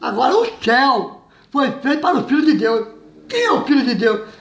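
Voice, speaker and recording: A man preaching loudly and emphatically in a very high, gravelly voice. He laughs often between his points. The sound is roomy and echoing. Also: sing-song, normal speed. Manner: loud and emphatic, says he always talks loud; laughs between phrases, says "meu irmão" often. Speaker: evangelical preacher. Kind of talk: informal sermon.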